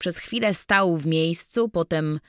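Measured woman reading an audiobook, unhurried, dry studio sound. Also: on the low side, smooth, no room sound. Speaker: audiobook narrator. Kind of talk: scripted audiobook narration.

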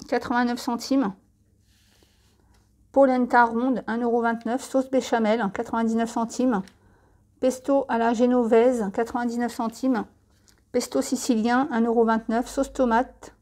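A woman's voice: on the high side, darkish tone. A French woman chatting through a supermarket catalogue, listing products and prices with friendly tips and asides. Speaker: catalogue presenter.

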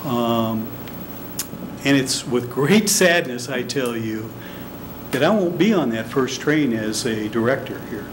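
A man's voice: medium pitch, animated, slow. An older man, an elected director, answering a city council from a podium, earnest and defensive. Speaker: elected transit board director. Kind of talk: presenting at a public council meeting. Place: large council chamber, standing at a podium. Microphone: podium microphone. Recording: noisy council chamber recording.

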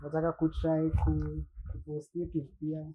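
Speaking at a normal speed in a somewhat high, monotone voice, a Kenyan-accented content creator and machine seller chats casually and demonstrates his products, drifting between languages and slang. The highs are cut off, and there is background noise.

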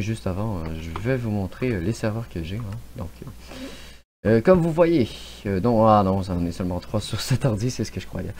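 A man giving excitable let's play commentary, then chatting to his viewers in an outro. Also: lowish voice, a little hiss or hum. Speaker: YouTube gamer.

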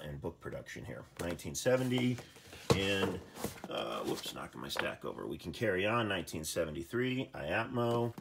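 A man's voice: low voice, slight background noise. A man giving an impromptu, casual show-and-tell at a table, thinking aloud with fillers as he goes. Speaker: code educator showing his book collection. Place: indoors at a wooden table.

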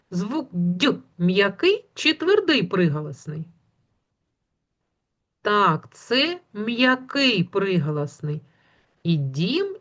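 A woman teaching a phonics lesson to young children, patient and slow, drawing out the sounds and praising often. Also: on the low side, a bit bright. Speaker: kindergarten teacher.

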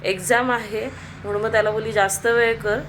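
A woman's voice: on the high side, fairly even intonation, fairly quick. A woman vlogging at home, coaxing and chiding her children, then confiding to the camera. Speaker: family vlogger and mother. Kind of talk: casual home vlog chat. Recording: loud background noise.

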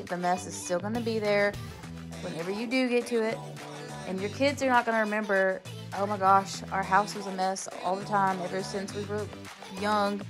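A woman in her thirties, a mother, chatting casually and encouragingly as she narrates her cleaning routine, with frequent "um"s. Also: mid-range voice. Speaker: cleaning vlogger, mom.

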